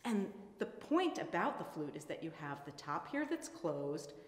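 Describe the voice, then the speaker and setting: A woman's voice: lowish voice, sing-song, unhurried. A woman flutist presenting a lesson, explaining in an enthusiastic, playful way. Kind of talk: educational presentation. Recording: echoey room with long reverb.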